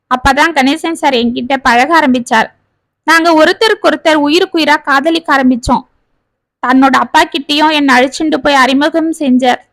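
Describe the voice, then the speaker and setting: Woman doing a tearful young woman, pleading, bright high voice, dry sound. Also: no room sound. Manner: pleading, confessional.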